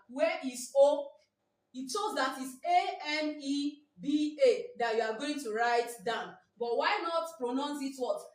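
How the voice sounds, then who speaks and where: Heard from a distance in a room full of echo, a high-pitched woman teaches biology for an exam, speaking English with a Nigerian accent. She frequently repeats points and poses "what?" before answering it herself.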